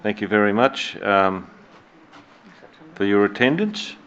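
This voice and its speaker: An Australian man presides as mayor over a council meeting in the chamber, his lowish voice expressive and a bit bright. His delivery is measured but hesitant and full of fillers, recorded on dull, lo-fi room sound.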